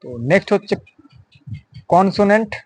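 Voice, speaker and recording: A man teaching a beginner phonics lesson. He says each word slowly, spells it out letter by letter, and asks the students to say it aloud after him. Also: sits high, animated, darkish tone, no room sound, rough recording. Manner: addresses students directly, asks them to pronounce aloud. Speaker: English teacher.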